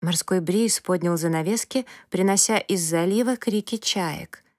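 A woman narrating a children's storybook in a calm, even way. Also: lowish voice, a little slow, dry recording, clean studio sound. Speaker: audiobook narrator.

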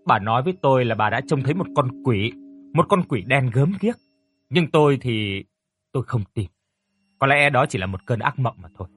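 A man voicing a young doctor who speaks in a measured, polite way. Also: mid-range voice, animated, a bit bright, husky, soft background music. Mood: explaining. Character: calm, courteous young male doctor.

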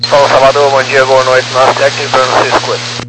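A man, a pilot over the radio, reading back clearances in clipped, brisk radio phraseology. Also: medium pitch, monotone. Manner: clipped, brisk readbacks of numbers. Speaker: airline pilot. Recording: loud static on a radio channel.

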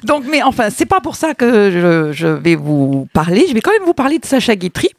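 A woman presents her segment on a relaxed radio show, talking in a playful and chatty way at a middle pitch. The sound is dry and close to the microphone. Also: moderate pace, creaky, dry recording. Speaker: radio columnist. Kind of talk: casual radio chat.

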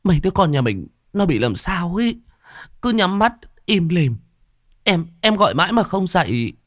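A man's voice: high-pitched, very animated, moderate pace, fairly bright tone, no echo, clean studio sound, voice pushed up, full character voice. A man putting on a sobbing panicked peasant wife. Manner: crying, stammering, pleading.

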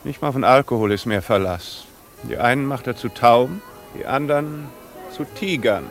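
An actor playing a dry, sardonic aristocratic duke with laconic, deadpan irony, in an old radio drama. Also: male voice, medium pitch, normal speed, faint music behind, lightly acted.

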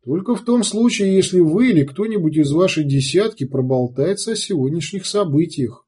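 Guy playing a calm sly commissar, measured and wry, dark husky audiobook voice. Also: a little high, voice pushed up. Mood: calm cool.

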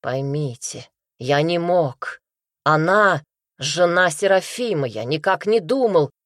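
A woman reading an audiobook gives a calm, gentle husband a soft, quiet voice that turns to low mumbling when he is cornered. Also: slow pace, dry recording, studio quality. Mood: evasive.

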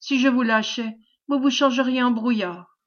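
A woman's voice: a little high, moderate pace, muffled recording, natural voice. A woman reading as a tearful, stubborn peasant lad. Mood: pleading. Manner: pleading, respectful but determined.

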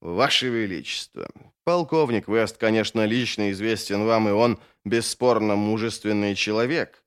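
A man voicing a condescending old court lord in an audiobook, soft-spoken and patronizing. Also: fairly low pitch, normal speed, smooth, natural voice.

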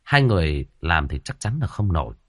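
A man narrating an audiobook story in a lively storytelling manner. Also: low-pitched, a little fast, dry recording, clean studio sound.

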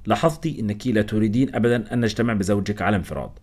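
A man voicing a young bearded doctor who asks calm, probing questions in a storybook reading. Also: lowish voice, rapid-fire, lightly acted.

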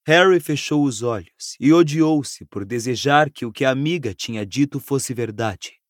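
A man with a Brazilian accent narrating an audiobook in an expressive, dramatic reading. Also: medium pitch, normal speed, no echo, studio quality. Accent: Brazilian Portuguese. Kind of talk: scripted narration.

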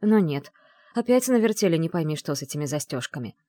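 A woman reads a first-person fantasy audiobook in a chatty, expressive way. Her voice sits a little low yet moves widely in pitch. The recording is dry and close. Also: fast, dry recording. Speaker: audiobook narrator.

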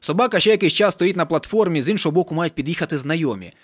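Male reader, audiobook narration, wry, deadpan, rapid delivery, dry close sound. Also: fairly high pitch, no room sound.

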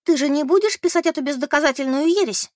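A woman doing a sharp indignant young woman. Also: high voice, fast talker, dry recording, studio quality, voice pushed up, lightly acted. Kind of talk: audiobook character reading.

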